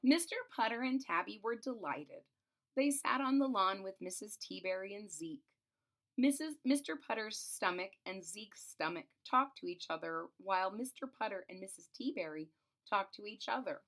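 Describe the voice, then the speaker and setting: A woman, hosting a channel, reads a children's storybook aloud with expression, drawing out phrases and adding asides explaining the pictures. Her voice is medium-pitched, animated and fairly bright, at a normal speed.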